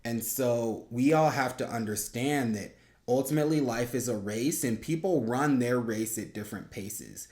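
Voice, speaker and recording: Hosting a review video, this young man shares sincere, thoughtful faith-based remarks in a relaxed, explanatory style. He speaks in a mid-range voice with a somewhat dark quality, at an ordinary pace, and the room gives the audio a spacious echo.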